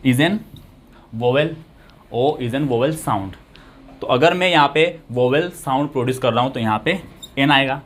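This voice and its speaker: A man teaching English grammar, patiently explaining and asking and answering his own questions. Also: medium pitch. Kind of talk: explanatory lesson.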